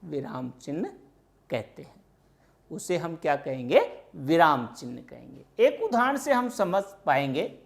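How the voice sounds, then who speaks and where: A woman teacher giving a grammar lesson, deliberate and explanatory, posing questions to her class and answering them herself. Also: low-pitched, sing-song, vocal fry.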